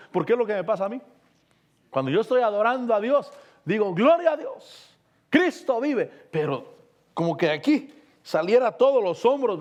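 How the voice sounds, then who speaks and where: A male pastor preaching a sermon, retelling testimonies with passion. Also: a little high. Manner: impassioned preaching with retold testimonies.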